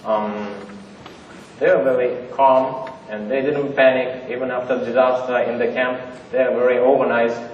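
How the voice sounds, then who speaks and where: A man gives a conference talk in a large theater, joking with the audience in plain, non-native phrasing full of fillers. His voice is medium-pitched. The recording is captured from far off, dull and roomy, with slight background noise.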